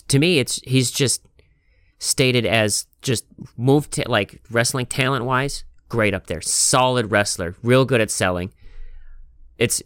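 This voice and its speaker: A man's voice: medium pitch, clean tone, no room sound, studio quality. A man hosting a casual podcast chat. He talks in an emphatic, rambling way and swears a lot. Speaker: podcast host.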